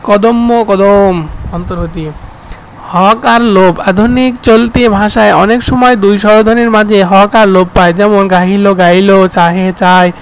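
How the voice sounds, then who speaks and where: Bangladeshi male tutor, fairly high voice, drills terms and quizzes himself, faint traffic noise behind. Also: steady tone, unhurried, rough recording. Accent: Bangladeshi Bengali. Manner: repeats terms and asks himself questions, with fillers. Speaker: teacher. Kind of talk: exam-prep grammar lesson.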